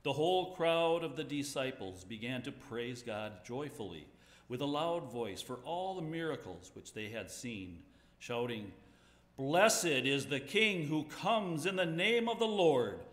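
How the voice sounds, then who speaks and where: A man giving a measured, solemn scripture reading in a church sanctuary. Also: mid-range voice, lively intonation, a bit bright. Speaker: scripture reader. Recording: echoey church hall.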